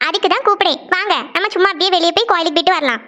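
A woman's voice: extremely high pitch, rapid-fire, bright, forceful tone. A woman voicing a caring teenage daughter in a cartoon, coaxing and reassuring her mother. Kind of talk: cartoon voice acting.

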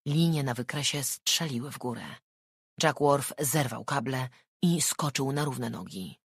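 An audiobook narrator reading a thriller in a measured, even storytelling voice. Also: medium pitch, slightly rough, no room sound, studio quality.

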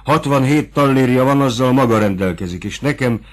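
A man reading an audiobook, voicing a kind, caring innkeeper's wife in a raised, gentle voice. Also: medium pitch, voice pushed up, close to an everyday voice. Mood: worried. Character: kind, warm-hearted innkeeper's wife, adult woman.

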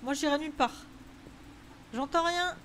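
Scared woman playing a horror game, high voice, swears then says sorry, noisy background. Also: unhurried, a bit bright. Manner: jumpy, swearing then apologizing. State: frightened, tense. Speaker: gaming streamer. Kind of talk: horror game let's play.

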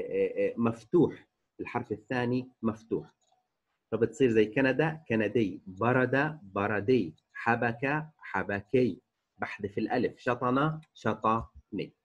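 A man teaching a remote grammar lesson, slowly stretching out example words and repeating each rule. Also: mid-range voice, slightly rough. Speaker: Arabic teacher. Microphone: recorded voice-over for a distance lesson.

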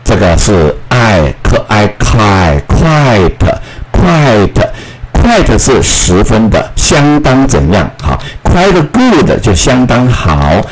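A man teaching schoolchildren English phonics, repeating each word slowly and drilling the sounds. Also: fairly low pitch, very animated, a little hiss or hum, low-quality recording. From Taiwan.

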